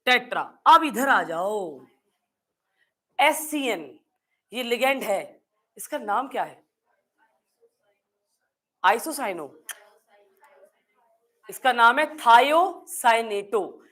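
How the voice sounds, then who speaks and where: A woman's voice: on the high side, lively intonation, extremely slow, long pauses, bright, forceful tone. A woman with a Hindi accent teaching chemistry, quizzing her students and answering her own questions. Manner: acts out confused students in playful asides. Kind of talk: classroom lecture.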